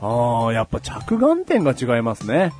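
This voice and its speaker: A man's voice: medium pitch, wildly swooping pitch, normal speed, a little mellow, faint music behind. A man co-hosting a casual podcast, sheepish and laughing as he takes teasing. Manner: sheepish, laughing, self-deprecating. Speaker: podcast co-host.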